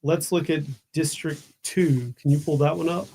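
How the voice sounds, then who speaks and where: A man's voice: fairly high pitch, fairly even intonation, normal speed, mellow, husky. A man steering the election coverage, asking for results to be pulled up. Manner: directive, organizing the coverage.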